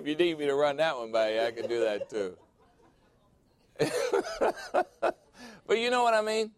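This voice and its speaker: A male pastor preaches a sermon in a church, with a slightly high voice. He talks to the congregation in a conversational, joking way, then swings into sudden emphasis. The sound is close and dry. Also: no room sound.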